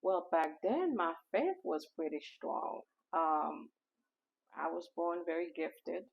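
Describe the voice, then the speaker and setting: A woman from Haiti, a memoir author, telling her story in a casual interview with reflective pauses and fillers. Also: lowish voice, sing-song, creaky, breathy edge. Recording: dull lo-fi recording.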